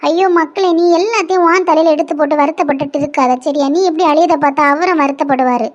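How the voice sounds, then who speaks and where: A woman voicing a worried, gentle mother in a cartoon, speaking with a Kanyakumari Tamil accent. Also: high-pitched, fast talker, close to an everyday voice. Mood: scolding gently. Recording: lo-fi dull audio.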